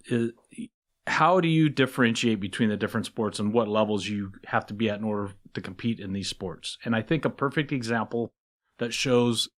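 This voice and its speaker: A man co-hosting a sports talk show, speaking casually with a sarcastic, questioning tone and drawn-out phrasing. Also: medium pitch. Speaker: sports podcast co-host.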